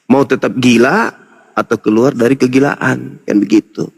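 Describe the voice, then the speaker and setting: A man's voice: medium pitch, fairly even intonation, moderate pace, creaky, husky, in a large hall. A man debating heatedly over religion, lecturing in long repeated runs and mocking his opponent.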